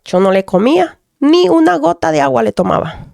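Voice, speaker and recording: A woman's voice: high voice, sing-song, brisk, gravelly, a little mellow, dry recording, clean studio sound. Earnest mother giving testimony. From Dominican Republic. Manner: earnest, keeps addressing the pastor. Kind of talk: radio testimony.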